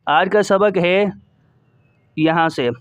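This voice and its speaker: A man teaching a recitation lesson, with a high voice that is smooth and resonant. He drills each letter sound slowly, then explains the rules in quick bursts. The sound is dry and close. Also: no room sound. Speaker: Quran reading teacher.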